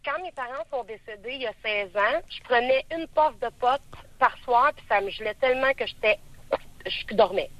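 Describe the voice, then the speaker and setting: Québécois woman in her 30s calling in, halting and hesitant, um-ing a lot. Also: a little high, a bit bright, no room sound, low-quality recording. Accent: Québécois French. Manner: hesitant, halting, many fillers. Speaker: caller. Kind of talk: call-in radio conversation.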